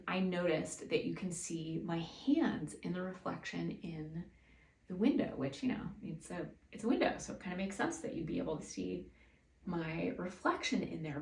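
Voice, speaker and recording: A photographer who grew up in Japan chats informally in her indoor studio for a vlog-style video, speaking expressively at normal speed in a lowish, slightly mellow voice. Music plays behind her, and the distant mic gives a roomy sound.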